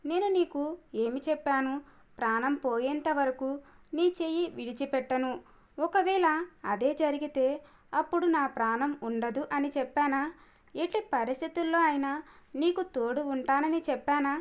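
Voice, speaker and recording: A woman voicing a devoted young man who pleads tenderly and earnestly with his fiancée in a storybook reading, in her own high voice. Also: moderate pace, dull audio, close to an everyday voice. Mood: pleading. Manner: earnest, pleading, gently reasoning.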